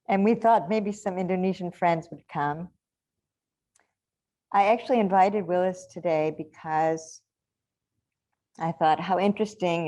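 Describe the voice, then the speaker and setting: A woman's voice: lowish voice, mellow. A woman who is not a native English speaker, opening a talk as a guest artist in an easygoing, chatty way. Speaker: guest artist and workshop leader. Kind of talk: relaxed informal talk.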